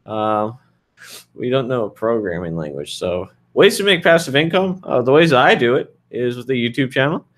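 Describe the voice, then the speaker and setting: A man's voice: medium pitch, sing-song, normal speed, fairly bright tone. Frank rambling man in his thirties. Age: 30s. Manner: loose, rambling, frank with fillers. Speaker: developer answering viewer questions. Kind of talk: casual livestream Q&A.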